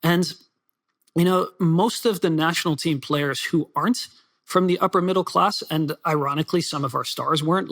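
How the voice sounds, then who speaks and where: Male author guest, raised in Belgium, rapid chatty answers, a bit higher pitch. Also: a bit bright. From Netherlands and Belgium. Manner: fast, chatty, with many fillers and restarts. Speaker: soccer writer and author. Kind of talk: podcast interview.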